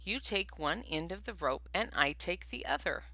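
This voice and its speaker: A woman voicing a small, brave female mouse in a storybook, with a high, earnest, squeaky voice. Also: animated, moderate pace, bright, forceful tone, dry recording, full character voice.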